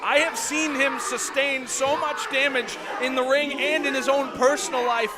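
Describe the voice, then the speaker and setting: Excitable high-pitched male wrestling commentator. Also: normal speed, heavy background noise. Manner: excitable, exclaiming calls. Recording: loud venue crowd behind. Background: live crowd.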